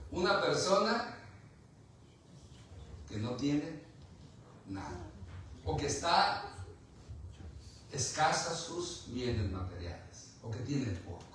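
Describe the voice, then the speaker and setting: A man preaches in a lively, rising and falling voice, tossing questions out to his congregation and slipping in a joke now and then. He speaks slowly and deliberately, and he sounds set back from the mic in a very echoey hall with a faint background hum. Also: mid-range voice. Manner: preaching with rhetorical questions and humor. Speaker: pastor. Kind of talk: sermon. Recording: echoey room from far off.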